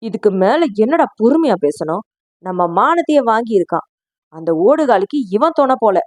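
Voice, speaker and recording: A woman voicing a domineering eldest brother who shouts threats in a storybook reading. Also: fairly low pitch, animated, moderate pace, dry recording, pitched below the performer's own voice, natural voice. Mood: furious.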